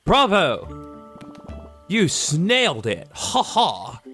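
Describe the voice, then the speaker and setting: A man's voice: on the high side, huge pitch swings, very slow, sharp tone, soft background music, voice pushed up, heavily acted. A man voicing a hammy theatrical stage actor, declaiming grandly. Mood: grandiose.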